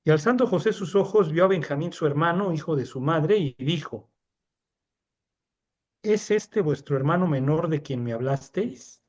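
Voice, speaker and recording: Mexican guy reading scripture then chatting about it, keeps asking no?, soft dark tone, kinda high. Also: expressive, moderate pace, lo-fi sound. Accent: Mexican Spanish. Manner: reads scripture aloud, then explains it conversationally with frequent "¿no?" checks. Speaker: Bible study teacher. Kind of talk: Bible study teaching.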